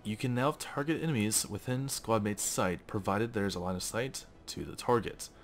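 A man's voice: on the low side, moderate pace. A man hosting a let's play, giving chatty, enthusiastic commentary on the game. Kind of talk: casual gameplay commentary.

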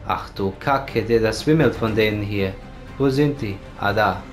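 Fairly low in pitch and unhurried, a let's play gamer comments casually on what he's playing. He curses often and cheers the game on with repeated words, recorded over loud game music and gunfire.

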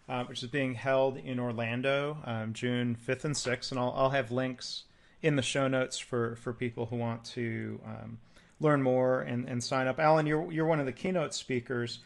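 A man's voice: mid-range voice, fairly even intonation, moderate pace, creaky. A man hosting a podcast, asking questions with frequent stammered restarts and repeated words. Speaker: podcast host.

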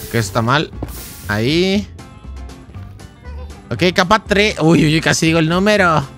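High bright-voiced Mexican streamer. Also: male voice, lively intonation, measured pace, faint music behind. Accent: Mexican Spanish. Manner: chatty, thinks aloud, slangy. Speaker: gaming streamer. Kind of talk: casual live-stream commentary.

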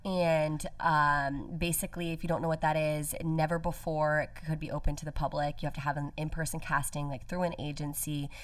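A woman in her late twenties with a low voice speaks in a level tone, briskly and with few pauses; the sound has no echo but the mic is distant. As a podcast guest in a studio with a window, using a stand-mounted studio mic and headphones, she chats casually and earnestly about her career, saying "like" a lot.

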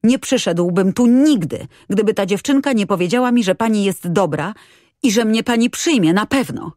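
A woman reads an audiobook, performing a proud, defiant street boy in a natural voice pitched above her own. She sounds animated and a little mellow at a moderate pace, medium in pitch. The studio-quality recording has no echo.

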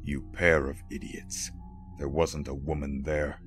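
A man voicing an irritated middle-aged store owner who talks in a gruff, dismissive way. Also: a bass voice, fairly even intonation, measured pace, soft background music, voice pushed down. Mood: annoyed.

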